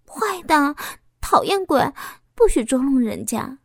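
A woman's voice: sits high, very animated, unhurried, dry recording, studio quality, voice pushed up, exaggerated voice. A woman voicing a bashful woman near forty who speaks in a coy, girlish way.

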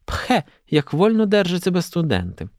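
A woman's voice: lowish voice, sing-song, moderate pace, a little mellow, dry recording, studio quality, pitched above the performer's own voice. A man voicing a haughty young woman just out of a girls' institute, with prissy, scornful exclamations.

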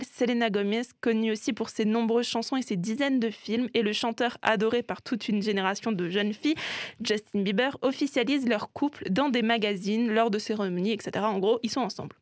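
A woman hosts a music segment, talking in a chatty, explaining tone with quick asides. Her voice sits a little high. The recording is close and dry, with no room sound. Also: dry recording. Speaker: show host. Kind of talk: presenting a themed music segment.

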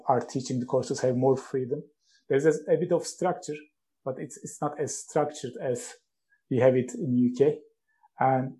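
Here the Turkish founder, a guest in the interview, walks through his work with careful explanations, now and then starting a phrase over. The audio is poor, but his mid-range voice comes across mellow and warm, not bright.

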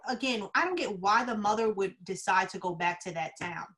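A woman's voice: mid-range voice, a little fast, fairly bright tone. A woman in a casual movie discussion, talking emphatically and rambling with many fillers. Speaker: podcast co-host.

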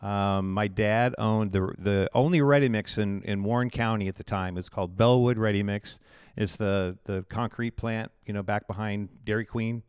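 A pastor from Iowa in his forties talks through his story in a loose, rambling way, often restarting his sentences. His voice sits fairly low and sounds smooth and clear. The recording is close and dry. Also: steady tone, normal speed, a little mellow, no room sound. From Iowa, USA. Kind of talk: conversational interview.

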